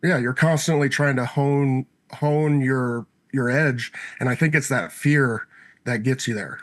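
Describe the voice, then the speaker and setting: A man's voice: medium pitch, measured pace. Man telling a gritty football story. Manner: animated storyteller, acts out his coach's lines. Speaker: former NFL offensive lineman, guest. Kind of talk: casual storytelling interview.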